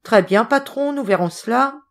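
A woman reading the lines of an insolent, drunken old male sailor with a gruff, sneering manner. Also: a little high, animated, moderate pace, pitched above the performer's own voice.

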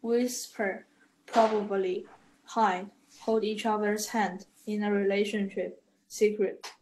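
A woman's voice: mid-range voice, flat delivery, takes it slowly, darkish tone, slight background noise, poor audio. A woman student in an online English lesson, reading sentences aloud carefully. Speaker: ESL student.

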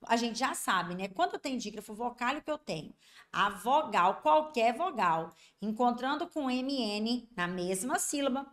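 A Brazilian woman teaching a Portuguese grammar lesson for exam candidates. She keeps checking that students follow and draws out example words slowly. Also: a little high, animated, a bit bright. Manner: repetitive, constantly checking understanding.

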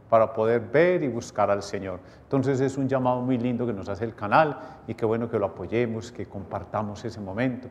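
A middle-aged man, a priest, leading closing prayers and a blessing at Mass and making earnest appeals. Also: darkish tone. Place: small chapel studio at an altar. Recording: chapel reverb with faint rumble.

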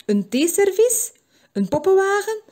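A woman doing a shrill eager queen. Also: sing-song, measured pace, dark tone, heavily acted.

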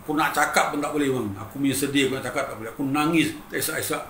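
This middle-aged guitarist from Malaysia races through his personal story in a medium-pitched, fairly bright voice with a Malaysian accent. He's emotional and emphatic, frequently saying "bang" to the listener. There's a roomy echo, faint ambience, and a touch of hiss or hum in the recording.

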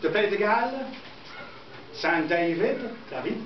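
In a muffled, far-off recording from a distant camera microphone, a high-pitched, animated middle-aged man from southern England teaches a class. A native English speaker with an English accent, he uses simple, halting phrases and repeats himself amid the echo and noise of an indoor classroom with pupils.

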